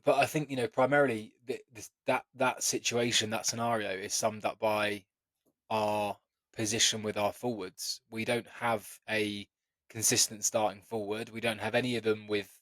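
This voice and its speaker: Low, flat-voiced man analysing football. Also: no echo. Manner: measured, analytical, repeats words while thinking. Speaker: podcast co-host. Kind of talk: casual football podcast chat.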